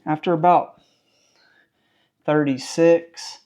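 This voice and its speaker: A man's voice: fairly high pitch, steady tone, slow pace, mellow. A man in his thirties with a Southern accent, chatting casually and joking at himself while he works on a truck in his home garage. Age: 30s. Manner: joking, self-deprecating, talks while working. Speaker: car restoration vlogger.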